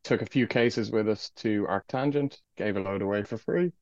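A man with a west of Ireland accent speaks in a fairly low voice, chatting like a band member being interviewed. He is easygoing and jokey. The sound is dry and a little dull. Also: moderate pace, darkish tone, no room sound. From County Clare, west of Ireland. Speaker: guest, guitarist and vocalist in a metal band. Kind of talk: casual podcast interview chat.

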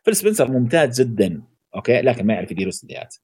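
A man co-hosting a casual gaming podcast, opinionated and animated, often pausing on fillers and searching for words. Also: slightly rough. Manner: animated and opinionated, jumps to high pitch for emphasis; many hesitations and filler sounds. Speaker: podcast co-host.

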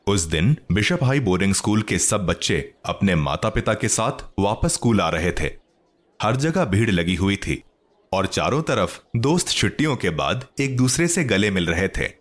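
A man with a fairly low voice reads a children's story aloud, his pitch rising and falling in a lively, expressive way. The delivery is scripted and steady, shaped for listeners following along. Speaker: narrator. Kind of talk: storybook narration.

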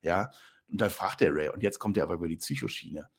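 A man's voice: fast, husky. A man hosting a casual talk show, retelling a fantasy wrestling storyline and jumping into character voices. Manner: animated storyteller, jumps into high squeaky character voices. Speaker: podcast host.

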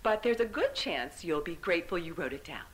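A woman's voice: on the low side, expressive, a little fast, natural voice. An actress playing a poised, folksy woman hosting a live housewives' television show, wry and reassuring in her monologue. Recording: music behind the voice.

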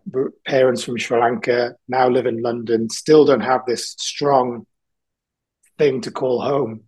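Man, husky, from south wales, casual interview guest, reflective and rambling. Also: medium pitch, darkish tone, poor audio. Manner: thoughtful, rambling, with frequent ums and laughs. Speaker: podcast guest, artist.

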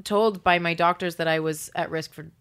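A woman's voice: fairly low pitch, steady tone, moderate pace, fairly bright tone, smooth. A young woman from Hong Kong, a guest chatting casually on a podcast, laughing easily and trailing off mid-sentence. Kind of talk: casual chat.

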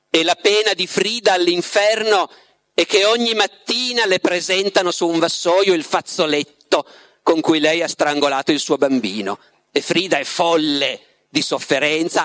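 Male lecturer telling a story, slightly high voice. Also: fairly bright tone, no room sound. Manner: storytelling with dramatic reading. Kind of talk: public lecture retelling and reading a novel.

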